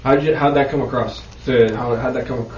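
A man's voice: mid-range voice, steady tone, a little fast, darkish tone. A man hosting a casual radio show from a studio and asking loose, rambling questions. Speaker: radio host. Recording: dull roomy studio sound.

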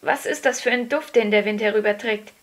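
A woman voicing a frail, bossy invalid boy who is easily excited. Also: on the high side, a little fast, natural voice. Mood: commanding.

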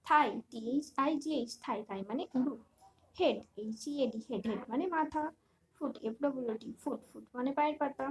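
A woman teaching a primary English lesson, spelling each word letter by letter and giving its meaning in a slow, deliberate way. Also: high-pitched, poor audio. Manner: spells words letter by letter, then gives meanings. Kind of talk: reading out an English workbook lesson.

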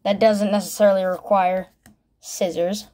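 A woman's voice: medium pitch, flat delivery, normal speed, warm tone. A woman vlogger giving casual unboxing commentary, calling out each card by name in short bursts and thinking aloud between them. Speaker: vlogger opening trading card packs.

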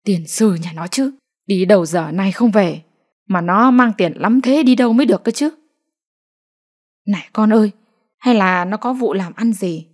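Woman narrator putting on an elderly village grandma, high, quick, sharp-tongued; audio storybook. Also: expressive, husky. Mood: fretful. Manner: scolding, frantic, rapid-fire.

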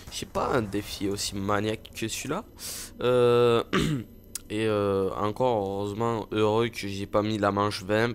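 A man's voice: on the low side, a little hiss or hum. Rambling young Frenchman commenting on gameplay. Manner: rambling, playful, self-mocking, lots of fillers. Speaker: gaming video host.

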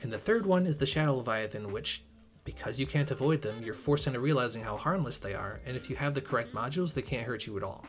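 A man's voice: medium pitch, lively intonation, quick pace, faint music behind. A young man narrating a scripted game review video essay in a critical, emphatic way. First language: English. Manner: critical, emphatic, occasionally sarcastic.

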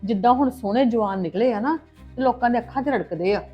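A woman's voice: a little high, quick pace, dull audio, faint music behind. A woman playing a visiting sister in a scripted family drama, talking in an earnest, advising way.

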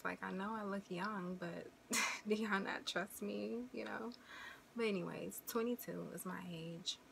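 A woman's voice: medium pitch, creaky, fairly bright tone, a little hiss or hum. A woman in her twenties from the American Midwest, chatting casually to camera as a vlogger, rambling and friendly with lots of fillers. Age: 20s. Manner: chatty, rambling, uses y'all and you know.

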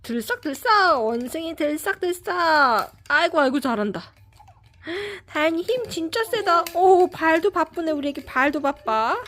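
A woman's voice: very high-pitched, lively intonation, measured pace, a bit bright. A woman cooing baby talk to an infant in a gushing, sing-song way.

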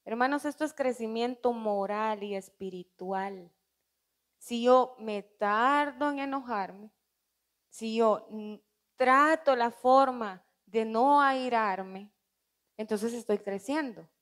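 A high-voiced woman delivering a sermon at church. She speaks earnestly, asks the congregation questions and acts out short heartfelt prayers. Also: takes it slowly. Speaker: preacher.

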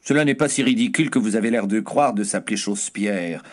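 A man's voice: on the low side, fast, close to an everyday voice. A stern aristocratic duke, pompous and reproving, as a male reader puts him on. He speaks firmly and scolds his wife. The delivery stays close to a plain reading voice. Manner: firm, reproving.

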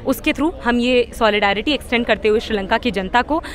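A young woman with a high voice speaks as a student activist at an outdoor street protest. She talks in a fiery, rhetorical way, stumbling over restarts as she builds her point, with several handheld press mics held close to her. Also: a little fast. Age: young adult. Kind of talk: impassioned street interview.

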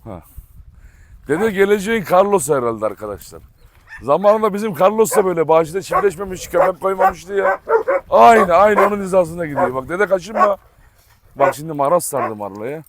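Lively Turkish man calling his dogs. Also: high voice, normal speed, very noisy. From Turkey. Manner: playful, calls and scolds his dogs loudly. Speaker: vlogger, dog owner. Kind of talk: casual vlog talking to dogs and viewers. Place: outdoors in a yard.

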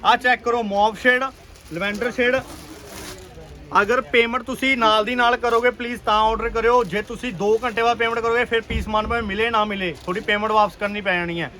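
A man with a Punjabi accent giving an urgent, repetitive, enthusiastic sales pitch as a shop seller on an online video. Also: fairly even intonation, a little fast, bright, forceful tone. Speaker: clothing shop seller presenting stock. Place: busy clothing shop.

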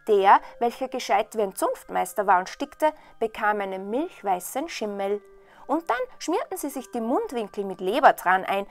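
A woman storyteller reading a fairy tale in a lively, expressive way. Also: medium pitch. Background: soft waltz music.

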